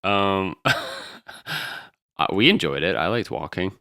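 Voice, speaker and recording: A man with a very low voice that still swings widely in pitch, trading jokes in a casual podcast chat. His tone is bright and clear, recorded dry and close, and he laughs easily as he rambles. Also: very animated, takes it slowly, no echo. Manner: jokey, laughs often, loose and rambling. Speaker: podcast co-host.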